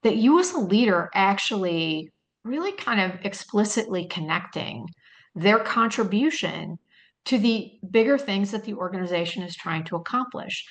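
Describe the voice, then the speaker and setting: A woman's voice: mid-range voice, expressive, normal speed. A woman presenting a training webinar in a loose, conversational way, thinking aloud with frequent fillers and rhetorical questions. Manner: storytelling, with quoted lines in a lifted voice.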